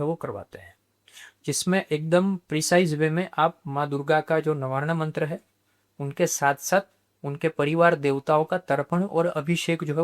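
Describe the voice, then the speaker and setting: A man appearing as a guest on a podcast explains spiritual practice in a measured manner, sprinkling English terms through his speech. His voice sits on the high side.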